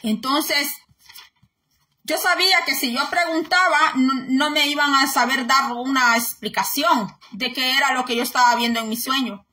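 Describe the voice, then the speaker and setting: A middle-aged woman preaches in a loose, conversational way, circling back over her words and calling out to her brothers and sisters. Her voice sits a little high and rings bright and clear. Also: normal speed. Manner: repetitive storytelling, often addresses listeners as brothers and sisters. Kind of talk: informal spoken testimony and preaching.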